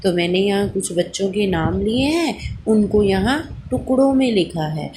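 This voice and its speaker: A woman school teacher with an Indian Hindi accent works through a lesson at an unhurried pace. She sounds out letters slowly and asks her class questions that she answers herself. A steady background hiss runs under her voice. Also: medium pitch.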